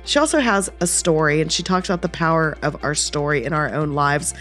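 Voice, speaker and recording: A woman's voice: deep voice, a little fast, fairly bright tone, soft background music. A woman in her late forties hosting a podcast in a casual, chatty interview style, with a head cold in her voice. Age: late 40s. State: has a cold. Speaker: podcast host.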